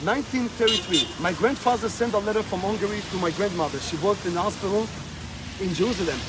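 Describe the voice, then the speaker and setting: A man's voice: high-pitched, fast. A man being interviewed outdoors on a rainy street, speaking emphatically and repeating himself as he presses his points. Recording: street noise and passing cars.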